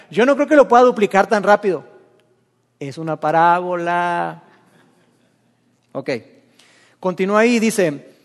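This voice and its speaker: A man preaching a sermon, retelling a parable and acting out its characters' voices in a lively way. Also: high voice. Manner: storytelling, acting out the characters' lines. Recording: long hall reverb.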